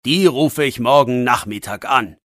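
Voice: measured pace, a bit bright, dry recording, lightly acted. Older man, hearty laugh, firm narrator-voiced, dry mic. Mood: stern. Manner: hearty booming laughter, chuckling while talking. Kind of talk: audiobook role voice.

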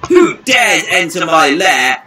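A man's voice: fairly high pitch, big pitch swings, slow pace, pushed and bright, full character voice. A man voicing a pompous, indignant apple king with a grandiose, affronted manner in a game adventure. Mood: menacing.

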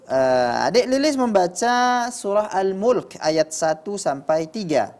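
Male judge, calm instructive critique, demonstrates pronunciation. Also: sits high, slow pace. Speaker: Quran recitation judge. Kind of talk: spoken critique of recitations.

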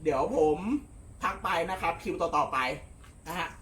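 A man with a fairly high, light voice walks through jet skis for sale in easy, polite chatter. He often stops for fillers and corrects himself as he goes. Faint noise sits behind him. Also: a little slow, pushed and bright. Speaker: jet ski shop salesman. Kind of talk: casual sales walkthrough.

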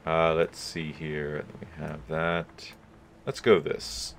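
His very deep voice is creaky and slow, with little pitch movement, and slight background noise can be heard. The man, a gaming video host, casually narrates his play, thinking aloud about options and chuckling occasionally.

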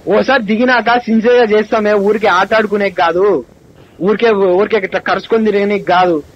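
A young man in a heated phone argument, angry and accusing, with an abusive, rapid-fire way of talking. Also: high-pitched, fairly even intonation. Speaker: college student on a phone call. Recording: phone call recording, dull with faint hiss.

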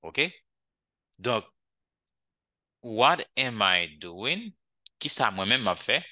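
Man, very low pitch, sharp bright tone, teaching English, patient drills. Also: sing-song, no echo. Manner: drills English phrases slowly, asks "ok?" often. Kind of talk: language lesson.

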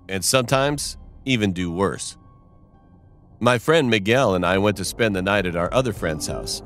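A man's voice: fairly low pitch, fairly bright tone. A young man narrating a first-person scary story in a scripted telling.

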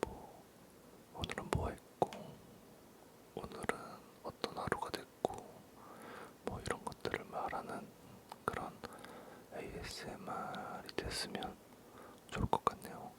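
A man whispering a rambling ASMR talk in a breathy, barely audible low voice, halting and softly repeating words. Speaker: ASMR creator.

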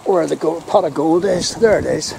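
A Northern Irish man giving slow, chatty commentary with wry asides while filming outdoors on a windy hillside. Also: a little high, creaky. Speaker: vlogger filming the view. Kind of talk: casual handheld commentary. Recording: loud wind noise on camera mic.

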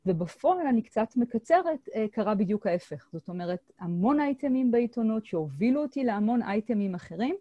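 A woman's voice: a little high, expressive, few pauses, warm tone, no room sound, lo-fi sound. A middle-aged woman historian giving an academic lecture at an online seminar, speaking hesitantly with many filler sounds and restarts. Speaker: Holocaust historian presenting her research. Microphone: computer mic on a video call.

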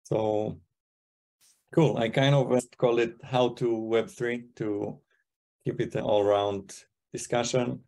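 Over a video call's computer mic comes a low-quality recording of a man in his thirties from Israel and China, presenting a webinar as an investor and guest speaker. His mid-range voice has vocal fry and a slightly mellow quality, with fairly even intonation at a slow pace. He's casual, restarting a lot as he thinks aloud.

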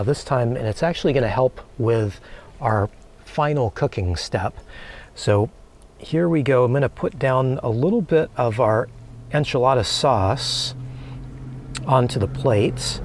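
A man in his forties calmly talking through a recipe while cooking in a small camper van kitchen, with many relaxed "uh"s. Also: medium pitch. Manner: calm, unhurried, many filler "uh"s. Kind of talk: casual cooking demonstration.

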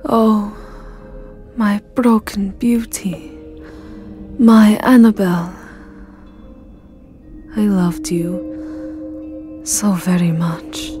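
A woman's voice: medium pitch, fairly even intonation, extremely slow, long pauses, music in the background. A woman playing an imperious, seductive vampire countess in an ASMR roleplay, speaking in a languid, aristocratic and commanding way. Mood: tender, languid. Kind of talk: dramatic ASMR roleplay acting.

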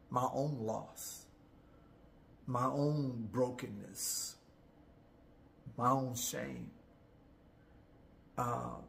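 Male chaplain, 60s, gravelly and unhurried, heartfelt halting reflection, recorded indoors with slight room noise. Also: medium pitch, a bit bright. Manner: halting, heartfelt, with repeated words and long pauses. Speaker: chaplain, host. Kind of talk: personal reflective devotional talk to camera. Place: indoor room, home studio.

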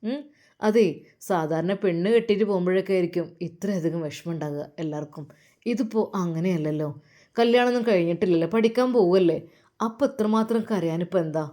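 A woman's voice: fairly low pitch, brisk, dark tone, natural voice. Woman doing playful teasing male teachers. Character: teasing male teachers joking with a tearful friend.

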